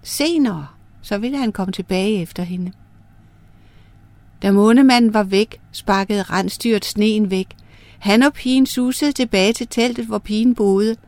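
A woman narrating folk myths as a storyteller, in a lively, clear way. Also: mid-range voice, dry recording.

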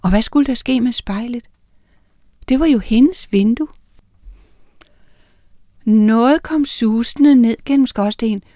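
A woman's voice: on the high side, pauses often, dry recording, clean studio sound. Woman reading a children's story. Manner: reads with lively character voices. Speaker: narrator. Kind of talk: children's audiobook narration.

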